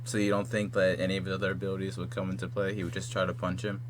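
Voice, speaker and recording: A man's voice: low voice, monotone, rapid-fire, background noise. A young man in a casual debate, skeptical, pressing his friend with repeated questions.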